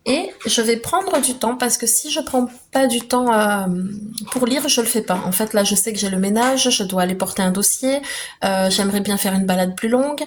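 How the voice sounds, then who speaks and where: Woman vlogger, casual and rambling, fillers galore, faint household noise behind. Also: a little high. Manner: chatty, many fillers and restarts, laughs easily. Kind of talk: casual vlog chat.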